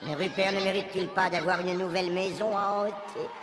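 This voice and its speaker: In a long hall reverb over loud noise, a man acts as a high-pitched cartoon auctioneer making a stage introduction. He presents with formal showman flourish. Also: fairly even intonation, a little fast, natural voice. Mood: showy, presenting. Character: male auctioneer host introducing homeless ghosts on stage.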